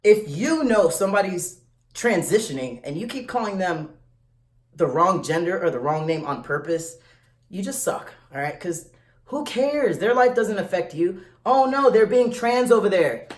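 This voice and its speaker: A man talking casually to viewers in a vlog, animated and blunt, full of slang and quick restarts. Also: high voice. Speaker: vlogger. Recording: echoey room.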